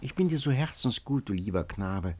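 A man voicing a sweet, gentle little girl who speaks softly and slowly, almost whispering. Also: lowish voice, lively intonation, breathy edge. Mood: tender. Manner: soft, slow, hushed.

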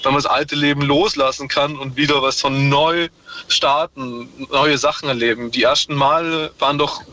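A man's voice: mid-range voice, fairly even intonation, moderate pace, sharp tone. A man calling in to a radio show from his car on a hands-free speakerphone, musing hesitantly with many fillers. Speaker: caller. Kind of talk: call-in radio chat. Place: in a moving car. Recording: muffled car speakerphone line with faint noise.

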